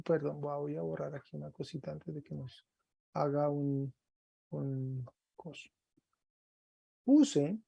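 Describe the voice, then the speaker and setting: A man leads an online Greek lesson, patient and encouraging as he drills each form. His voice is mellow and unhurried, recorded dry over a computer mic. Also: fairly high pitch, no echo. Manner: patient, encouraging, drills word forms slowly. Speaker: Greek teacher. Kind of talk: online class teaching.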